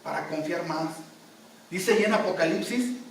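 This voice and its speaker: A man's voice: fairly high pitch, normal speed, a little hiss or hum. A man preaching a sermon, emphatic, repeating his phrases as he tells an anecdote. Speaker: pastor. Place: church hall. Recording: very echoey hall, mic far off.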